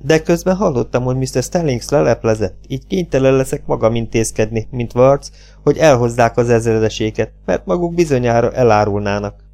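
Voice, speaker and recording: A man voicing a calm, unbothered young Mexican male outlaw in an audiobook, with a gravelly voice. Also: mid-range voice, soft background music, close to an everyday voice. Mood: calm, flat.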